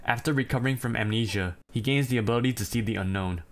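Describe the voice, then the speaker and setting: A man's voice: medium pitch, fast. A man narrating a ranked anime list, reading plot summaries and breaking off into blunt, profane, self-deprecating asides. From China.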